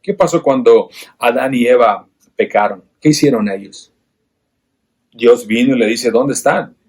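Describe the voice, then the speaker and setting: A man's voice: mid-range voice, unhurried, darkish tone. A man teaching a church Bible class, earnest and full of rhetorical questions to his listeners, often restarting and repeating words.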